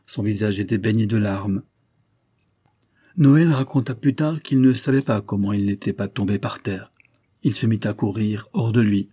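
A man narrating a novel as an audiobook in a measured, expressive way. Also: fairly low pitch, husky, no echo, studio quality. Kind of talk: literary audiobook reading.

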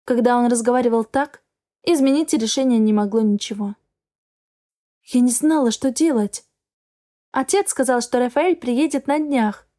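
A woman tells a first-person story in a measured, emotive way. Her voice sits a little high and sounds warm and mellow. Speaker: audiobook narrator. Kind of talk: first-person scripted narration.

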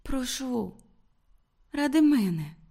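A woman's voice: high voice, normal speed, voice pushed up. A woman voicing a refined young woman in an audiobook, reproachful and pleading. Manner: reproachful, pleading, raised and lively. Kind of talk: audiobook character reading.

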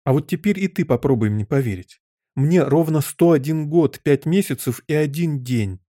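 A man's voice: a little high, expressive, moderate pace, dark tone, no echo, clean studio sound, pitched above the performer's own voice, lightly acted. A man voicing a fussy, flustered elderly queen in an audiobook, given to wailing and crying out. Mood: patient. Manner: wails and cries out, fretful.

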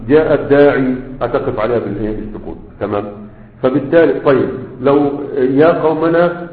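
Teaching a grammar lesson, a man with an Egyptian Arabic accent talks fast in a medium pitch, constantly quizzing students with half-finished questions to check they follow. The audio sounds echoey and comes through a tinny, phone-like line.

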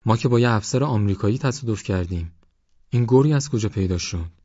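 A man's voice: lowish voice, animated, mellow, dry recording, highs cut off, pitched above the performer's own voice. A man voicing a blunt, exasperated truck driver in an audiobook. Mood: bewildered. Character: gruff male truck driver.

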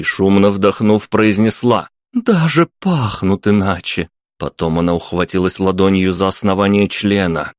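A man giving a steady, even first-person audiobook narration. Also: on the low side, dry recording, clean studio sound.

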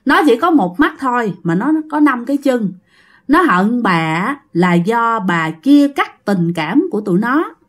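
A woman's voice: on the high side, big pitch swings, a little slow. A woman voicing an older male spirit medium who speaks in a solemn, ominous way.

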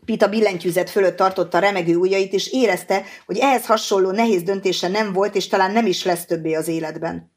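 A woman narrating a thriller audiobook in an even, clear storytelling manner. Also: medium pitch. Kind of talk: scripted narration.

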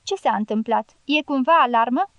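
A woman's voice: fairly high pitch, dry recording, muffled recording, lightly acted. Woman voicing a cheerful wheedling guerrilla hunter. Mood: excited. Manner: lively, wheedling, exclaiming.

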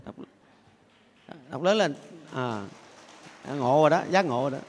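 A man's voice: on the high side, animated, unhurried. An older man, a Buddhist monk giving a playful sermon who has his audience repeat phrases after him. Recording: long echoey hall reverb.

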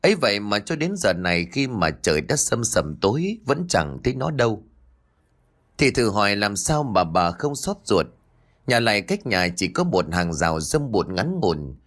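A man with a low voice reads a story aloud in a scripted narration style. His pitch swings widely, giving the telling a lively, animated feel. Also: normal speed.

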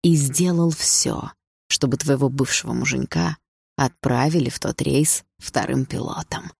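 A woman's voice: a bass voice, unhurried, creaky, a little mellow, slightly rough, dry recording, studio quality, heavily acted. A woman reading an audiobook, voicing a smug, possessive adult man who taunts coldly and sneers. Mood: smug menacing.

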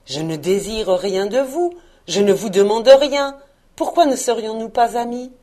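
A woman voicing a cheerful, earnest young man who pleads warmly and eagerly. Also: a little high, animated, measured pace. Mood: pleading.

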